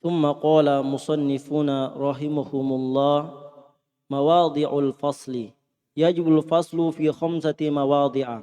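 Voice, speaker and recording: A man reading a textbook passage aloud in a steady recitation. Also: a little high, smooth, long reverb tail. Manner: flat, quick recitation of a textbook.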